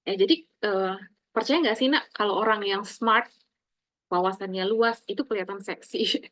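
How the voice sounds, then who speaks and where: A middle-aged woman lecturing her students, speaking in an animated, emphatic way and addressing them fondly as her children. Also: moderate pace, dry recording, rough recording. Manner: animated, addresses listeners as "Nak", emphatic swings in pitch and loudness.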